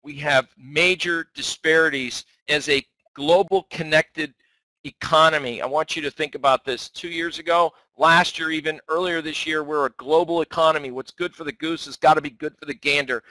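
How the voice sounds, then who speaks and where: A man's voice: a little high, fairly even intonation, moderate pace, bright, forceful tone, no room sound, low-quality recording. A man giving a weekly stock market outlook in a conversational, self-correcting way. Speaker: market analyst. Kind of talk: market commentary.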